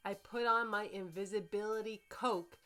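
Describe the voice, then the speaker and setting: A woman with a mid-range, steady, sharp voice talks at a normal speed as co-reader and commentator on a comedy reading stream. The exchange is casual and playful; she swears freely, riffs on odd phrases, and now and then reads aloud with mock drama.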